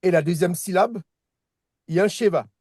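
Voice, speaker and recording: A man's voice: sits high, brisk, darkish tone, husky, no room sound, studio quality. A man teaching a language lesson in a casual way, often restarting and repeating words while checking that his students follow. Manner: patient, checks understanding with "d'accord?". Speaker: Hebrew teacher.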